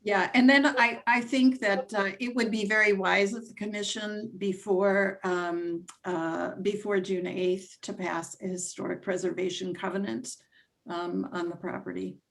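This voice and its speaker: Gravelly-voiced woman giving public comment. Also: mid-range voice, fairly even intonation, measured pace. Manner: hesitant, many fillers.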